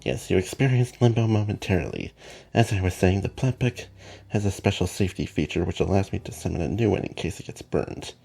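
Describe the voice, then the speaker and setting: A man voicing a patient male mentor who explains things in a calm, measured way. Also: low-pitched, creaky, breathy edge, heavily acted.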